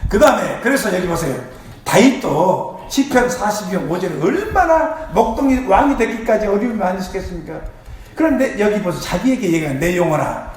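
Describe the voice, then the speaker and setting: A man preaches with fervor, leading the congregation to repeat his lines. His high voice swings widely in pitch. It rings out in a very echoey church hall with faint background noise. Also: big pitch swings, fairly quick. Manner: impassioned preaching, leads call-and-response. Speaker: pastor. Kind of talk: sermon.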